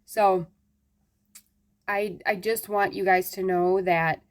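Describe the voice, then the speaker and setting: Slow, halting woman, weakened after surgery. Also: on the low side. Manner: halting, searching for words, with long pauses. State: weakened after surgery, struggling to form sentences. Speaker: vlogger giving a health update. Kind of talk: casual talk to viewers.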